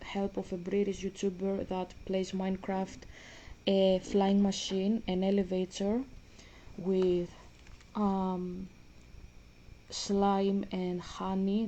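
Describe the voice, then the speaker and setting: A woman's voice: mid-range voice, mellow, highs cut off, slight background noise. A woman with a Greek accent chatting casually as she plays a game, rambling and restarting her sentences. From Greece. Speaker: vlogger. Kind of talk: casual gaming commentary.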